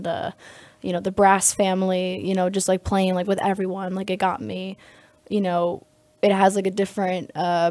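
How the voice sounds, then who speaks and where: A woman's voice: on the low side, a little mellow, no echo. A young adult woman, a music student, answering interview questions in a chatty, rambling way full of fillers. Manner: chatty, rambling, heavy with "like" and "you know".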